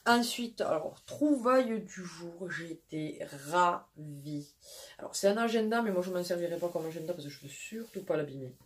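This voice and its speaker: A woman with a southwestern French accent, a mother chatting through a casual haul vlog in a rambling way, pausing often. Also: lowish voice, animated, slight background noise. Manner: chatty and rambling, with frequent pauses and restarts. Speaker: vlogger and mother.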